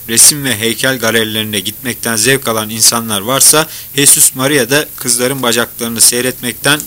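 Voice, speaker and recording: A man reading a novel aloud in a measured storytelling manner. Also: mid-range voice, pushed and bright. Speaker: audiobook narrator. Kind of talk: scripted novel narration.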